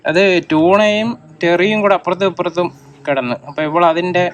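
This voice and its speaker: A man with a high voice talks casually at home, coaxing his pet over again and again. He soothes it and teases it gently in turn, in a light, chatty home-video manner. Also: fairly quick, a little hiss or hum. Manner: coaxing and calling a dog, soothing and teasing. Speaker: dog owner filming his pet.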